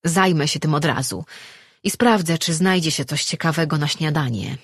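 A woman's voice: low voice, moderate pace, husky, no echo, clean studio sound. A narrator voicing a compassionate, practical woman healer in an audiobook reading, speaking firmly. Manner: firm and practical.

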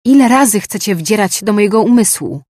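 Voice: medium pitch, expressive, fairly quick, darkish tone, no echo, studio quality, voice pushed up, natural voice. A narrator voicing a frightened, defiant young woman who pleads in panicked outbursts in an audiobook. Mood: pleading, panicked. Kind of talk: audiobook dialogue.

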